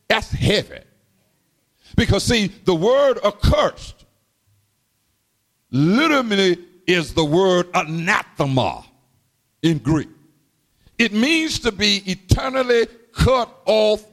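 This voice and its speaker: A man preaching a sermon in a rhythmic, call-and-response style, dropping to low murmurs and rising to sung shouts. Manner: repeats and calls to the congregation.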